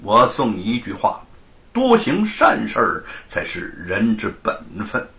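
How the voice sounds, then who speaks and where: A man voicing an upright, dignified scholar who speaks gravely and admonishes. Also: fairly low pitch, huge pitch swings, measured pace, a bit bright, heavily acted. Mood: stern.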